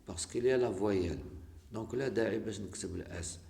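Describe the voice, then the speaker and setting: A man with a Moroccan accent gives a primary school spelling lesson. His voice is very low, and he speaks slowly, repeating each example word. The sound is echoey, as if recorded in a bare room. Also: vocal fry, warm tone. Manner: explains slowly, repeats words, switches between French and Moroccan Arabic.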